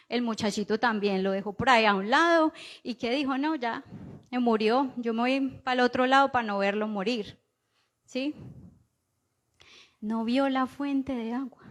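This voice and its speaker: Higher-pitched Colombian woman preaching. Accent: Colombian Spanish. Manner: conversational preaching, frequent rhetorical "¿cierto?" tags. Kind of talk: sermon.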